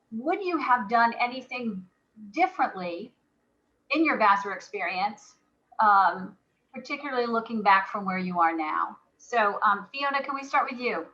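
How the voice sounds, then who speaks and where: Bright-voiced woman moderating a panel. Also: fairly high pitch. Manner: filler-heavy, measured. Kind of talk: online panel discussion. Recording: dull lo-fi video call audio.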